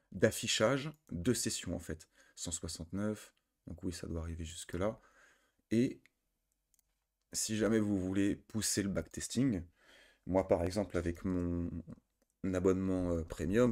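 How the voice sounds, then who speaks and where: A man with a notably low voice walks viewers through a trading tool on screen. He explains each setting step by step, pausing with fillers and correcting himself as he goes. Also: a little mellow. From France. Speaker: trading indicator tutor. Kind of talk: screen-recorded software tutorial.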